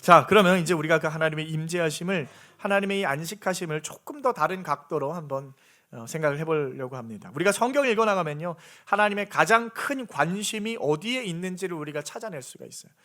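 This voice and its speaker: A man's voice: on the high side, animated, quick pace, sharp tone. A man preaching a sermon as pastor of his church, earnest, with repeated rhetorical questions to the congregation. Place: church sanctuary.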